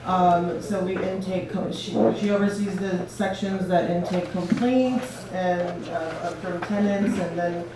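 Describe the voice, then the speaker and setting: A woman's voice: lowish voice, fairly even intonation, very slow, few pauses. An American woman giving an informal, explanatory introduction as a government staff speaker, with some hesitation. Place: large echoey indoor room. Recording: echoey room from far off, clear background noise.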